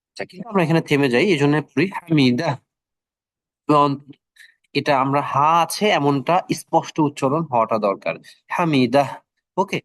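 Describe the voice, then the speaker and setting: A middle-aged man teaching an online class, who speaks slowly and repeats words so the listeners can practise. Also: a little high, no room sound, studio quality.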